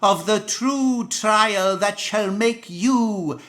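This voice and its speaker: A man's voice: high voice, very slow, fairly bright tone, heavily acted. A man playing a zealous cult priest in a video game, preaching solemnly in grandiose, archaic phrases. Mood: pleased, grandiose. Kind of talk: theatrical video game acting.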